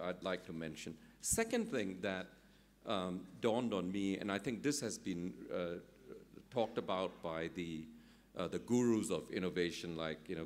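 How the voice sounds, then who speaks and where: A middle-aged man on a conference panel, his voice sitting a little low. He works through his points out loud, padding them with ums and "you know", and tags many statements with a quick "right?". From Singapore. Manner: hesitant, thinks aloud, many fillers, often ends with "right?". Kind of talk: panel discussion at an economic summit.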